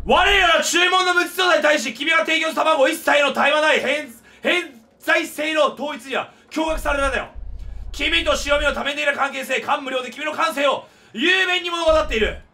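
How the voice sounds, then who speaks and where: A high, pompous customer in a video game declaims in grand formal phrases, nearly shouting, as a man puts him on. The voice is bright and sits well back from the microphone, with music under it. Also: moderate pace, recorded from a distance, exaggerated voice. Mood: grandiose.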